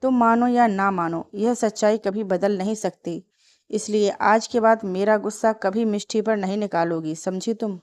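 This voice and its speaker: A woman's voice: medium pitch, steady tone, measured pace, close to an everyday voice. A woman voicing a young man who is an angry, protective husband and uncle in a storybook tale. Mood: stern, angry.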